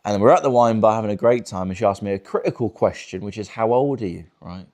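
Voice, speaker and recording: A man in his twenties, speaking fast in a low-ish, darkish voice, does crude, teasing crowd work during a virtual-reality comedy show and laughs often.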